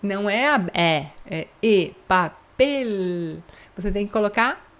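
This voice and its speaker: A woman's voice: mid-range voice, animated, a bit bright. A Brazilian woman with a São Paulo accent teaching Spanish pronunciation in a chatty online lesson, drawing sounds out in an exaggerated way and checking in often. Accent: São Paulo Brazilian Portuguese. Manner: exaggerated, drawn-out demonstration of sounds; chatty, checks in with frequent asides.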